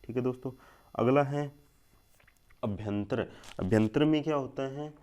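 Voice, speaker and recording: A man's voice: medium pitch, a little slow, a little mellow, slight background noise. A young man teaching a spelling lesson for an exam, going through words one by one, repeating each word and often checking in with his listeners. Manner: explains word by word, repeats each word several times, often says "thik hai doston". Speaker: Hindi grammar teacher.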